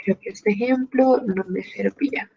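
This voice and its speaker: A woman's voice: mid-range voice, a little slow, gravelly, slightly rough, lo-fi sound. A woman teaching a grammar lesson, explaining patiently step by step and working through examples. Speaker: Spanish teacher.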